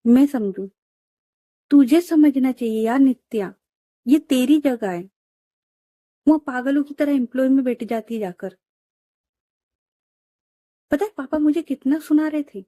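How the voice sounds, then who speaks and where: A woman's voice: sits high, unhurried, pauses often, mellow, no echo, studio quality. Woman voicing a scolding elder sister. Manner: blunt, scolding.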